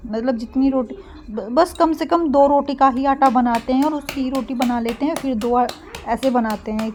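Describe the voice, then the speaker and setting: A young woman narrating a casual home cooking vlog, speaking softly and getting a bit breathless when she pushes her voice. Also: sits high, a little hiss or hum. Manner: soft-spoken, gets breathless when speaking loudly. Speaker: vlogger.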